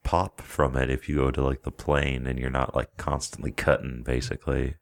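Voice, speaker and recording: A man's voice: a bass voice, flat delivery, moderate pace, gravelly. A man playing a tabletop game, chatting casually and gleefully describing grisly details with frequent laughter. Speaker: player.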